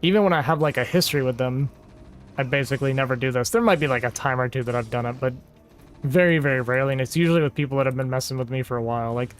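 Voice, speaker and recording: Talking very fast in a mid-range voice, a man streaming games chats casually with his audience. His talk is rambling and exasperated, full of "like," over soft background music.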